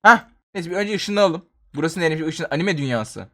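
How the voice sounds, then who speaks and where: A young Turkish man commenting on his own Roblox gameplay as a channel host. He switches between chatty running commentary and loud panicked yelling. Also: on the high side, lively intonation, moderate pace. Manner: jumps into loud panicked yelling when dying.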